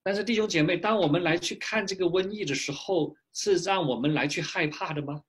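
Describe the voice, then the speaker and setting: A male pastor preaching a sermon in a lively, animated way, pausing often for an interpreter, speaking from a small home office into a webcam. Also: high-pitched, husky. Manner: lively preaching with frequent filler particles.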